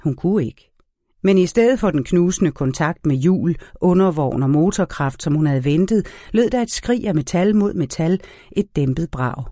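Mellow, dry-voiced male narrator. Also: on the high side, expressive, no room sound. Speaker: audiobook narrator. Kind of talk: scripted narration.

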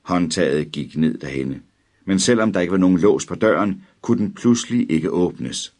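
A man narrating a dark audiobook story in a measured, dramatic way. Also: sits low, expressive.

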